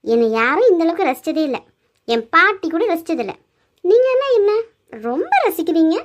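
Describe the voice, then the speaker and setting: A woman's voice: very high voice, sing-song, brisk, background noise. A woman voicing a sulky, affectionate young woman in a cartoon, pouting and insistent. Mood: coy. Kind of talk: cartoon voice acting.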